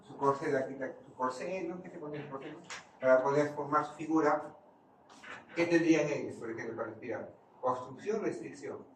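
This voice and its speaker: A man's voice: medium pitch, moderate pace. A man giving a physiology lecture, quizzing the class and answering his own questions. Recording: far-off mic in an echoey room, noisy.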